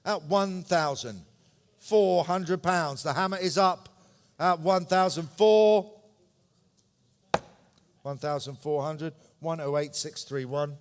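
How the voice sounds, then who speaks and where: A man's voice: a little high, clean tone. Male auctioneer in an echoey hall. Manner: brisk, clipped repetition of numbers, polite asides to bidders. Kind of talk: live auction calling, running bid commentary. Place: large indoor auction room. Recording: echoey hall with long reverb.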